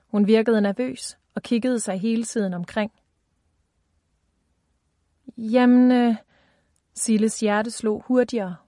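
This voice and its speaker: A woman narrating a children's fantasy audiobook in a calm, even storytelling voice. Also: a little high, no echo, studio quality.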